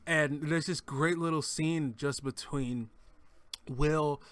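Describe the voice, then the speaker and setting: Bright-voiced enthusiastic male reviewer. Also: fairly high pitch, steady tone, slow pace, no echo. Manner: enthusiastic, rambling, with frequent restarts. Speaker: TV show reviewer. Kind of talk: casual spoken episode review.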